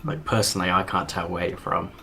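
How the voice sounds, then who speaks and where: Man, lowish voice, casual chat, noisy voice-chat recording. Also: expressive, fast talker, gravelly, bright, forceful tone. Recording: background noise, online voice chat.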